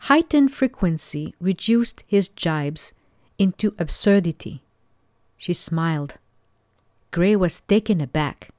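A woman's voice: fairly low pitch, darkish tone, dry recording, clean studio sound. A woman narrating a novel as an audiobook, reading expressively and unhurriedly.

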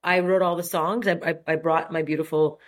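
A native French speaker from Montreal, Canada, this woman in her forties is an enthusiastic guest in a casual interview, full of fillers and restarts. Her voice is low and level, and she talks fairly quickly.

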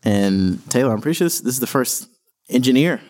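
A man's voice: mid-range voice, lively intonation, brisk, darkish tone. A man co-hosting a podcast, upbeat, who laughs easily and leads with questions. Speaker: podcast co-host. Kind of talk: casual interview chat.

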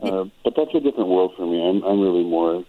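A very low-voiced older man from Wisconsin chats as a radio guest, thoughtful and meandering, often restarting his sentences. His voice comes through thin and tinny, like a phone line. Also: expressive, fast. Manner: reflective, rambling with frequent restarts. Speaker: guest musician and choral director. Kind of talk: radio interview chat.

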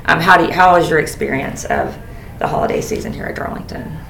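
Chatty host woman with a gravelly voice. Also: low-pitched, huge pitch swings, fast, roomy sound, distant mic, noisy background. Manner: chatty, encouraging, with many ums. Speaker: host, dean of students. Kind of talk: school podcast interview.

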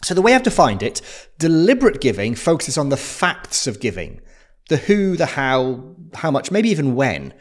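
A male podcast co-host talks in a casual, conversational way, poking fun at himself and laughing easily. His pitch sits mid-range and swings in an animated way. The delivery is friendly and self-deprecating. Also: moderate pace.

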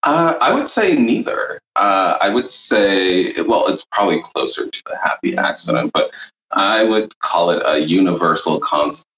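A man from Honduras talks about his life as a podcast guest, slow and reflective, pausing often on uh and um. His voice is very low, and the sound is roomy and dull, like a lo-fi recording. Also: expressive, a bit bright. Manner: reflective, halting with fillers. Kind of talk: podcast interview.

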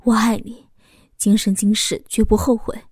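Brief: woman as a tender young male lover in a storybook, soft, soothing, higher than a man's voice. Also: level tone, normal speed, slightly rough, no echo, clean studio sound. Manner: gentle, soothing, murmured.

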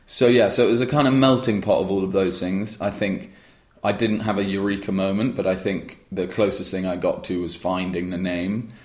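A man with a deep, low voice talks at length in an interview about starting his own rum brand. His answers wander and restart, dotted with fillers. The room around him rings with echo. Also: fairly even intonation, moderate pace. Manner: rambling with frequent restarts and fillers. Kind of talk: conversational interview.

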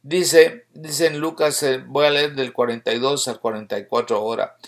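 A man preaching a sermon with fervor, reading scripture aloud and rising into emphatic bursts between quieter stretches. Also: medium pitch, steady tone, normal speed.

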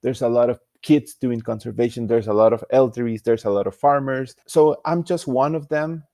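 A man's voice: mid-range voice, moderate pace, mellow, no room sound, studio quality. A man from Rica, giving easygoing, unpretentious answers as a guest in an interview. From Costa Rica. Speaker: guest conservation scientist.

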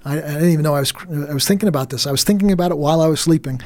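A man's voice: on the high side, rapid-fire, a little mellow. A middle-aged man giving a faith interview as a guest minister, speaking earnestly and often restarting and repeating his words.

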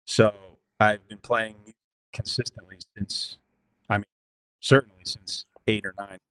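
A man's voice: on the low side, level tone, measured pace, fairly bright tone, no echo, low-quality recording. A young man from Connecticut, a musician and podcast guest, chatting casually and rambling, with many restarts and self-deprecating asides, over a computer mic. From Connecticut, USA. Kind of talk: casual interview chat. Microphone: computer mic over remote call.

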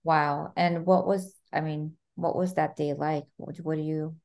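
A woman's voice: deep voice, fairly even intonation, unhurried, darkish tone. A woman hosting an interview podcast, eager and enthusiastic with her guest. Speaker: podcast host. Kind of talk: scripted intro, then interview chat.

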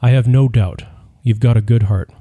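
A man reading a soft, tender young woman. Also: mid-range voice, steady tone, moderate pace, husky, natural voice. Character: tender, supportive young woman, his fiancée.

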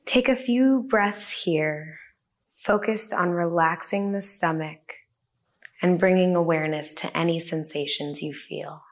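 A woman guides a body-scan meditation in a gentle, soothing voice. Her voice sits a little low, and she speaks very slowly, leaving long pauses between phrases. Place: a room with the listeners present.

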